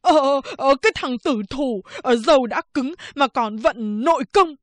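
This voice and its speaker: A woman's voice: high voice, a little slow, no echo, voice pushed up. A woman voicing a timid, whining old male barber who stammers and complains at every turn. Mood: whiny, aggrieved. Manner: stammering with constant "uh" fillers, complaining.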